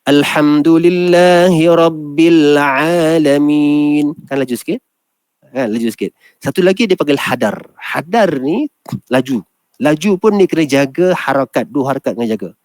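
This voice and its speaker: A man's voice: mid-range voice, very animated, darkish tone, no room sound. Malaysian guy teaching quran reading, patient, step by step, mid voice, dry close sound. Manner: patient, explains step by step, chants Arabic verses slowly. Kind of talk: classroom lesson on Quran recitation.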